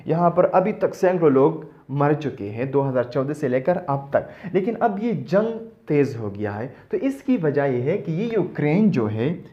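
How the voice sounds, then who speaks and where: Man tutoring, rather high voice. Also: lo-fi sound. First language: Pashto. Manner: repeats points, asks rhetorical questions. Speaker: online tutor. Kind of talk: explanatory lesson.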